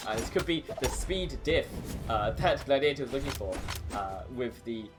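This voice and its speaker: A man's voice: mid-range voice, expressive, moderate pace. Casual male fighting game announcer over music. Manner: hesitant, casual announcer, repeats and trails off mid-phrase. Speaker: esports tournament commentator. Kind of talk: fighting game play-by-play commentary.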